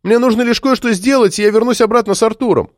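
A woman's voice: on the high side, fast talker, dry recording, studio quality, pitched above the performer's own voice, close to an everyday voice. A man voicing a young servant woman who pleads breathlessly and urgently. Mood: insistent. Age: young adult.

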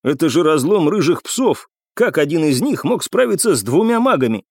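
A blunt soldier-ranger in an audiobook, rough and scolding, raising his voice a little above the narrator's, as a male reader plays him. The delivery is lively and the recording close and dry. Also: on the high side, normal speed, no room sound, voice pushed up, full character voice. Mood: stern.

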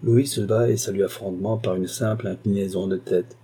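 Man reading a novel aloud, low mellow voice, bit husky, steady. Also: fairly quick. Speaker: audiobook narrator. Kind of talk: scripted narration.

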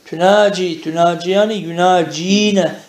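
A man's voice: sits high, steady tone, measured pace, echoey room. A man teaching a traditional madrasa-style Arabic lesson, chanting verb conjugations in rhythmic drills and explaining them in Turkish, often checking with "değil mi?".

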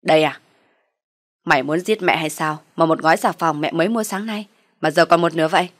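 Casting: a woman playing a harsh older mother-in-law, loud and low-pitched, berating. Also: fairly quick, dry recording, clean studio sound, lightly acted. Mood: scolding.

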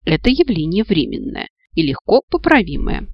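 A man's voice: fairly high pitch, huge pitch swings, moderate pace, vocal fry, slightly rough, no room sound, dull audio, full character voice. A man voicing a sinister male captor who giggles and gloats in a mockingly polite way, in an audiobook. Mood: gloating.

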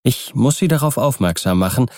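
A man voicing a mysterious, polite male visitor who seems not of this world, speaking in a courteous, quietly stern way. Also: mid-range voice, animated, a little fast, no echo, studio quality, lightly acted. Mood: calm courteous.

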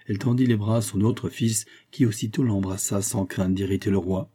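A man narrating a classic novel as an audiobook in a measured, even way. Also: on the low side, husky.

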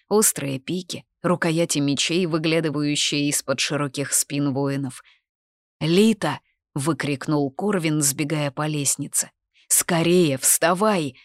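A woman with a low voice reads a fantasy audiobook. Her storytelling is expressive and at times drops to a hush. The recording is dry and close, with no room sound. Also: dry recording. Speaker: audiobook narrator. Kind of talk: scripted fantasy audiobook narration.

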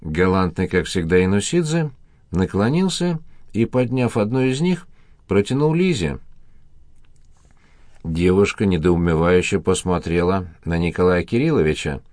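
A man narrating a detective novel as an audiobook, in an even, measured reading. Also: low voice, dry recording.

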